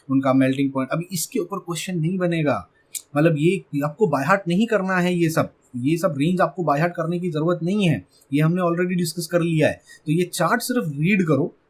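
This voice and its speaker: A man's voice: a little high, husky. A man teaching a chemistry exam-prep lecture with an Indian English accent, asking his class questions and answering them himself.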